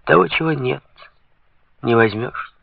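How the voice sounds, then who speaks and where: A man's voice: medium pitch, a little slow, creaky, no echo, pitched above the performer's own voice. A man reading as glum, hungry bank clerks. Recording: dull lo-fi sound.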